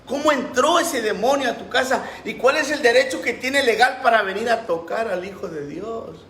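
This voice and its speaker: A man's voice: extremely high pitch, normal speed, sharp tone, a little hiss or hum. A pastor preaching a sermon with passion, acting out the voices he quotes. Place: church. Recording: roomy echo.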